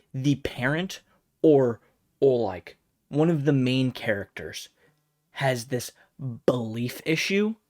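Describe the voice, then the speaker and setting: A man's voice: mid-range voice, no room sound, clean studio sound. Exasperated man ranting casually. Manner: exasperated, profane, rambling with restarts. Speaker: vlogger. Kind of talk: casual comedic rant to camera.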